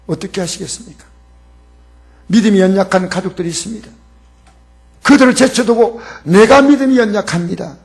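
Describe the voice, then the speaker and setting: A man preaching a Sunday sermon as pastor in a church, emphatic and calling on the congregation to repeat after him. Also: sits high. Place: church sanctuary.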